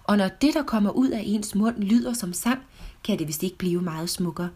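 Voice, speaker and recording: A woman giving a calm, clear, scripted lesson as a language teacher. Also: medium pitch. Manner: calm, clear, measured explanation. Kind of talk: scripted educational narration.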